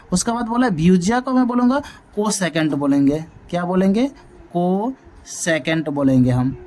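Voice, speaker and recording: A man's voice: high voice, a little mellow. A male math teacher giving a classroom lecture, often asking a question and then answering it himself. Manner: drills points by asking and answering his own questions.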